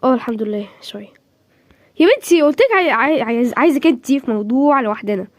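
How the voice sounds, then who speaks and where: A woman voicing a sick young man who speaks softly and low, with an Egyptian accent. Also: animated, fast, dry recording, lightly acted. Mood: weak, hushed. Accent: Egyptian Arabic. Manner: soft, low and hushed. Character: weak young man, sick in a hospital bed.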